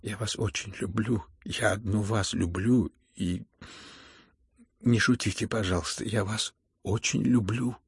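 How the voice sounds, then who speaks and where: A man's voice: on the low side, steady tone, unhurried, breathy edge, no echo, studio quality, exaggerated voice. Man voicing a meek stammering young prince. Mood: earnest. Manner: hesitant, soft-spoken, stammering. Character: gentle, meek young prince, shy and sincere. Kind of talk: audiobook character reading.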